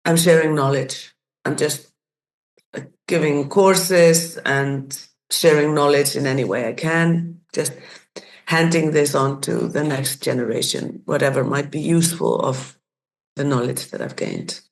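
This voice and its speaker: A low, slightly slow voice belongs to this sixty-something Icelandic woman, a community facilitator guesting on a podcast. She tells her personal story reflectively, often pausing to search for words and starting over.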